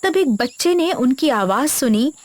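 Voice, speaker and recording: Woman narrating a storybook, fairly high voice. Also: animated, a little slow. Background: background music.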